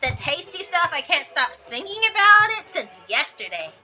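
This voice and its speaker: Eager young man, high and lively, read by a woman for a story game. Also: normal speed, exaggerated voice. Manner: eager, bubbly, upbeat invitations. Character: cheerful young man calling a friend early.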